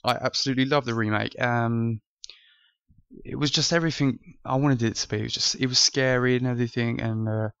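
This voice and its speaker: A man's voice: mid-range voice, fairly even intonation, brisk, creaky, fairly bright tone, clear, resonant tone, no room sound, muffled recording. Earnest young British man reviewing movies. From France. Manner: earnest, rambling with many restarts. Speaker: host. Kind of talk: casual movie review vlog.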